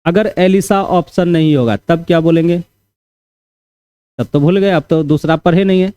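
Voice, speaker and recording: A man lectures a class in a relaxed, conversational way, circling back over each point and checking that students follow. His voice sits fairly high and sounds warm and mellow. The recording is dry and close. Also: moderate pace, clean tone, dry recording. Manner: repetitive, conversational teaching with frequent "theek hai" check-ins. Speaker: teacher. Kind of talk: classroom lecture for exam preparation.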